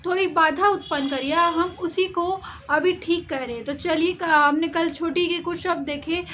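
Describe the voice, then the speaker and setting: A woman with a very high voice teaches Hindi spelling, pronouncing each word slowly and carefully and repeating it syllable by syllable. Faint room noise sits behind her. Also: a bit bright, low-quality recording. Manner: slow, careful syllable-by-syllable pronunciation drills. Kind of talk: spelling lesson.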